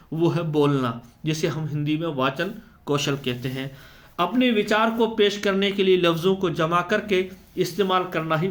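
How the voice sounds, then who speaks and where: A man giving an exam-prep lecture, who explains step by step and answers his own questions. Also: fairly high pitch. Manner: slows down to spell out letter sounds. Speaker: teacher.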